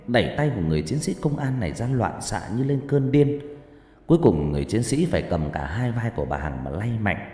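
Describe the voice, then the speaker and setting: A man with a low voice narrates a horror story dramatically, his pitch rising and falling widely. His voice rings with a long, echoing reverb. Faint music plays underneath. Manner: dramatic, lively delivery.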